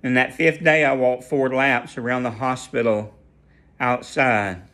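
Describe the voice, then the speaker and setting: A man's voice: mid-range voice, steady tone, a little slow, sharp tone. A man sharing a personal faith testimony in a casual storytelling way, earnest and prone to repeating and restarting his phrases.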